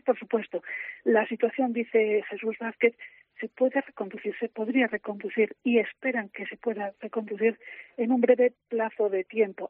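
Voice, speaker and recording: A woman field reporter calling in live from a press conference, speaking quietly and hurriedly with frequent fillers. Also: fairly high pitch, no room sound, narrow, tinny audio. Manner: hushed, hurried, many fillers and restarts. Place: city hall during a press conference. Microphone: phone.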